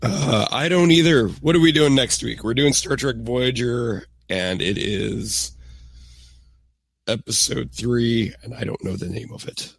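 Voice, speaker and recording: A man's voice: medium pitch, measured pace, gravelly, no echo. A congested man with a rattly, phlegmy, chesty voice, chatting casually and dryly as a podcast co-host.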